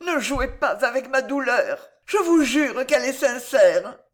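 A reader voicing a tearful, high young woman. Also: animated, measured pace. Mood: emotional. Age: young adult. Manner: high-pitched, tearful, crying out. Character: heartbroken, tender young woman, sobbing and pleading. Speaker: storybook heroine. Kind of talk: dramatic audiobook reading.

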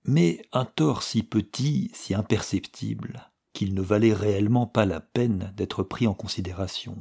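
Male audiobook narrator, husky and gravelly, measured delivery. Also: lowish voice, mellow. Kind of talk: scripted narration.

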